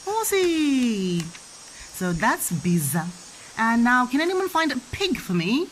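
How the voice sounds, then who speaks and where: A woman's voice: fairly high pitch, big pitch swings, slow pace, slight background noise, poor audio. A young woman giving a playful children's language lesson as a mother, with encouraging, sing-song questions and repetition. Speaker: mother teaching her toddler.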